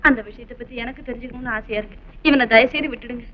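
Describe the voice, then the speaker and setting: A woman's voice: a little high, steady tone, rapid-fire, close to an everyday voice. An actress playing a forthright young woman of a wealthy house who questions and pleads, in a 1960s film melodrama with dull old sound. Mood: insistent.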